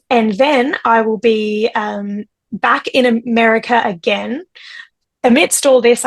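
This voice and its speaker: Chatty Australian woman, gravelly edge. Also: a little high. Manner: fast, chatty, frequent ums. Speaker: musician guest. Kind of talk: casual interview chat. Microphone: video call.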